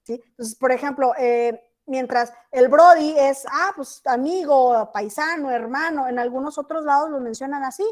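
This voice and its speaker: A high-voiced woman teacher from Chiapas, Mexico, gives an online class lecture over a video call. She keeps checking whether her students are following along. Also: normal speed, hardly any pauses. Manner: checks in often with students, asking "¿sí?".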